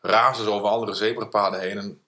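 A man co-hosting a casual podcast, announcing segments with hesitant pauses and fillers. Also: on the low side, fairly even intonation, sharp tone. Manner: hesitant, many filler pauses while moderating. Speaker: podcast co-host leading segments.

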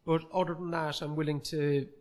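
A man's voice: fairly high pitch, little pitch movement, brisk, a little mellow. Chatty Cork man in his forties. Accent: Cork Irish. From Ireland, Cork City. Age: 40s. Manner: earnest, self-deprecating, chatty. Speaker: comedian guest. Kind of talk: casual podcast chat. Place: comedy club recorded live.

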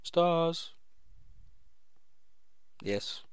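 A man's voice: on the high side, expressive, very slow, clean tone, no room sound. A man hosting a casual group chat, talking informally and jokily into a close microphone. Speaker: quiz host and podcast panellist.

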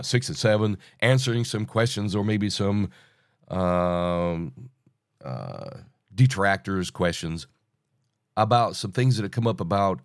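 A man in his sixties hosting an informal Bible teaching podcast, talking in a halting, rambling way, sounding hollow as if through a tunnel. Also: fairly low pitch, no echo, studio quality. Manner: halting, rambling, self-interrupting. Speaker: podcast host.

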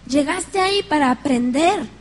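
A middle-aged woman with a Mexican accent preaching a sermon, telling stories in a lively way and often laughing with her congregation. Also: high-pitched, moderate pace.

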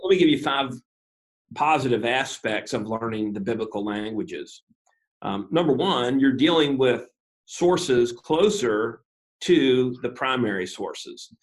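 In an interview, a male pastor lays out his views in a measured, methodical way, pausing often with uh and um and adding some self-deprecating humor. His medium-pitched voice is expressive, though the audio quality is poor.

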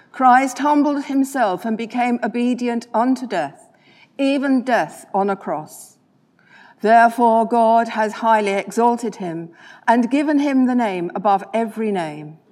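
Woman reading slowly in cathedral echo. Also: on the high side, lively intonation, darkish tone. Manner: measured and solemn, with dropping phrase endings. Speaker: gospel reader at a church service. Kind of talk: slow formal liturgical reading. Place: large church. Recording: long reverb of a large church.

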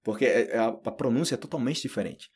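Man, husky voice, informal language lesson, lively. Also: mid-range voice. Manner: lively, acts out learner dialogues, repeats phrases slowly for drills. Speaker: Portuguese teacher.

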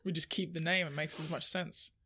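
A co-host on a laid-back podcast with a middle-pitched, even voice. Jokes land in a dry, deadpan delivery. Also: brisk, husky. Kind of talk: casual chat.

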